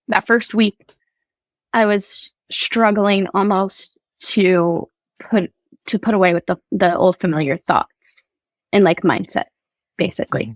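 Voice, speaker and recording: A woman appearing as a podcast guest shares her personal faith story, earnest and halting, with many fillers and restarts. Her voice is medium-pitched, and the rough recording has no echo.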